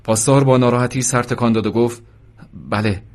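A man's voice: mid-range voice, little pitch movement. A man narrating a story steadily.

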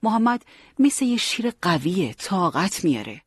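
A man voicing a teasing but caring young male fighter who leads his friends, with a husky voice. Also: high voice, big pitch swings, no room sound, clean studio sound, pitched above the performer's own voice, full character voice. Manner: joking, bossy yet warm.

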